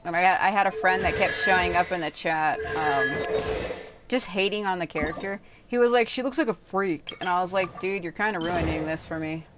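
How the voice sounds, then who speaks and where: Over game music and a noisy background, a woman livestreams a game and chats in a rambling, informal way, swearing casually now and then. Her voice is fairly low and a little fast.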